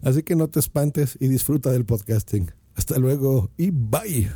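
A man's voice: mid-range voice, expressive, moderate pace, background noise. A Mexican man giving casual podcasting advice, talking into his phone and asking the listener rhetorical questions. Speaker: podcast host.

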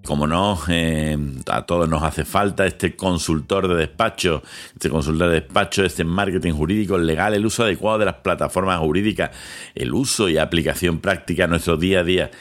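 A man hosting his podcast in a monologue, with dramatic pauses, slow emphatic phrases and quick lists, speaking into a studio mic. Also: sits low, fairly even intonation. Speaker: podcast host, lawyer. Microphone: studio microphone with headphones.

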